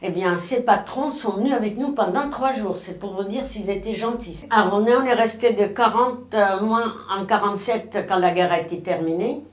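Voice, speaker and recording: A woman's voice: mid-range voice, normal speed, few pauses. A woman in her nineties from Spain, recalling her past in an interview, rambling with many restarts and self-corrections. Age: 90s. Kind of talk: oral history recollection. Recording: roomy, echoey room.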